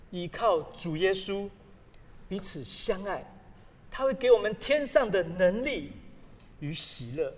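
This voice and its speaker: A man preaching a sermon as a pastor, telling stories with sudden loud exclamations. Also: high voice. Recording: long hall reverb.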